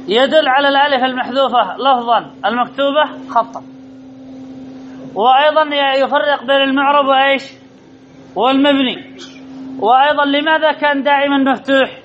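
In a classroom full of students, a very high-voiced man teaches grammar by quizzing the class and then echoing the answers repeatedly. The recording sounds dull and lo-fi, with faint noise in the background.

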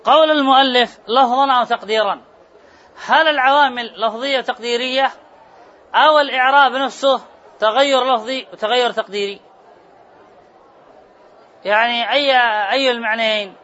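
A man's voice: extremely high pitch, normal speed, long pauses, bright, forceful tone, a faint crowd. A man teaching a grammar class, repeating key terms and quizzing his students. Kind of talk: classroom lecture. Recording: muffled classroom recording with murmur.

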